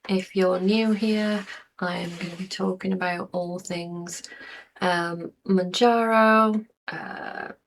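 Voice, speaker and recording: A woman's voice: fairly low pitch, fairly even intonation, takes it slowly, slight background noise. A woman in her forties chatting casually to camera in a rambling vlog, with lots of fillers. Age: 40s. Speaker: YouTuber.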